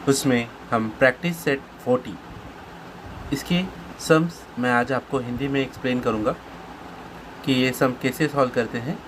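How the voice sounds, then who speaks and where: A man with an Indian accent teaching maths. He reads each question slowly and explains it step by step, mixing Hindi and English. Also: mid-range voice, noisy background. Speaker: maths tutor. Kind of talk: explaining solved maths sums.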